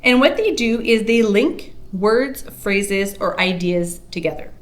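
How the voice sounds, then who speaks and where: A woman with a Canadian accent teaching a French lesson, pronouncing each example slowly and carefully. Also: medium pitch, animated. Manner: slow, careful pronunciation of example sentences. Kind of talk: spoken language lesson.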